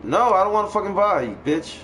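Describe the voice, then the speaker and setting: Over a noisy crowd, a male gaming streamer chats casually with plenty of slang and profanity. His voice is high-pitched, expressive, and a little fast. Background noise and game ambience come from his home stream.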